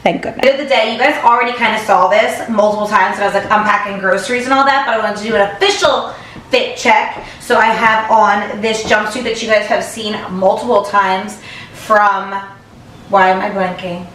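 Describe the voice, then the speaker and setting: A woman's voice: mid-range voice, steady tone, normal speed, a bit bright, roomy sound, slight background noise, low-quality recording. A young woman talking casually to camera in a vlog, gushing and filling her talk with "like" and "literally". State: tearful, close to crying. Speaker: vlogger.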